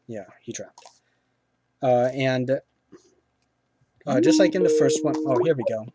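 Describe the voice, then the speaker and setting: A man's voice: medium pitch, warm tone, a little hiss or hum. Rambling man hosting a film review. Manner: rambling, many fillers and restarts. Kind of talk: casual review chat.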